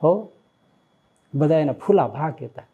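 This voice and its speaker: Monk preaching, tells devotional stories, voice a bit on the high side, gets animated and emotional. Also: male voice, a little slow, slightly rough, dull audio. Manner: animated storytelling with emotional exclamations. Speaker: swami preaching. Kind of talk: devotional sermon with storytelling.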